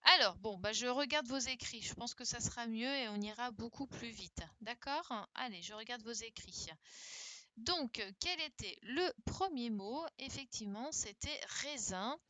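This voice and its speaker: A woman's voice: fairly high pitch, unhurried, bright, forceful tone, no echo. A woman teaching a young class over a video call, correcting worksheets and coaxing pupils to answer by repeating her questions. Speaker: primary school teacher. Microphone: computer mic on a video call.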